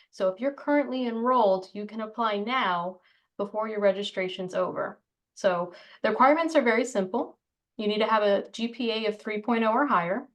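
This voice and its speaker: Upbeat woman making an announcement. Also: medium pitch. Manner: upbeat, encouraging. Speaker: regional chair.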